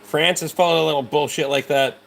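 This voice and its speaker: Blunt Rhode Island man, slightly high-pitched. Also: fairly even intonation, a little fast, creaky, fairly bright tone. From Rhode Island, United States. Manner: blunt, heavily profane, dismissive. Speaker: livestream host. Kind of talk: casual livestream chat answering viewers.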